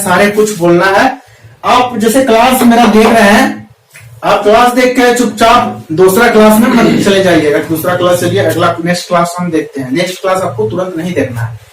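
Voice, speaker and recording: High-voiced man drilling English phrases. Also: echoey room, far from the mic, slight background noise, rough recording. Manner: repetitive drilling, slow deliberate example sentences. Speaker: English teacher. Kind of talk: spoken English lesson.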